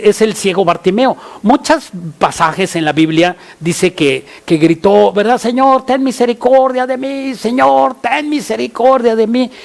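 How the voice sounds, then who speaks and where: A man from Mexico preaching a sermon as pastor, halting often with fillers and restarts, and crying out prayers loudly. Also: a little high.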